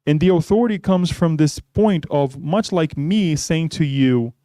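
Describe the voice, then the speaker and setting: A man's voice: fairly high pitch, unhurried, warm tone, no room sound, clean studio sound. Man giving a spiritist talk. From Brazil. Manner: conversational, often adds "right?". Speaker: spiritist speaker. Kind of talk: religious talk.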